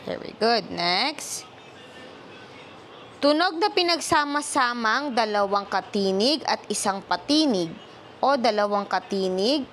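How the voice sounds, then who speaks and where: A woman's voice: medium pitch, a bit bright. A Filipino woman teaching her child to read at home, patiently prompting and switching between Filipino and English. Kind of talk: home reading lesson. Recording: faint background noise.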